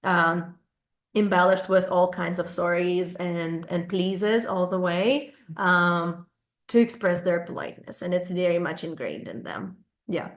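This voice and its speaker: A woman's voice: on the low side, measured pace. Woman club host, echoey sound. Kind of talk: informal explaining to a group. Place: group online call. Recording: roomy, echoing online call.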